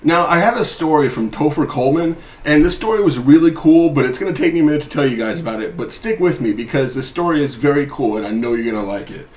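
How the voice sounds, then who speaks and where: A man's voice: fairly high pitch, animated, fast talker, few pauses, reverberant, muffled recording. A man in his thirties from mid-Michigan, hosting a casual weekly disc golf news vlog and talking to viewers in a chatty, upbeat way. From mid-Michigan, USA. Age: 30s. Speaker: disc golf channel host.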